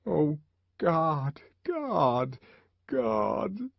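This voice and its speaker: A man's voice: fairly high pitch, very animated, extremely slow, gravelly, no room sound, muffled recording, voice pushed up, full character voice. A man reading an audiobook voices a distraught young man, a savage, speaking frantically and desperately. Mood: grieving.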